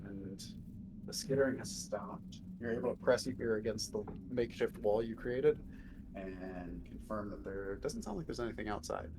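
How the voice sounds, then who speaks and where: A man narrates a tabletop game as its game master. His voice sits low and rough with fry, and his delivery is easygoing. The recording has a clear hiss of background noise. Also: moderate pace. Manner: relaxed, rulings mixed with laughs. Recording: noisy home recording.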